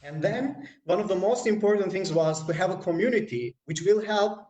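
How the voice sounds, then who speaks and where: A man's voice: sits high, lively intonation, normal speed, a little mellow, reverberant, a little hiss or hum. A man from North Macedonia, a guest on a live online panel, talking earnestly and rambling with many fillers. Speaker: guest, hackathon community manager.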